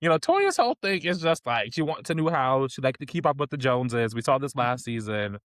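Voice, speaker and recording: A man's voice: medium pitch, big pitch swings, fairly quick, a bit bright, no room sound. A man co-hosting a podcast in casual chat, recapping with frequent laughter. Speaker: podcast co-host.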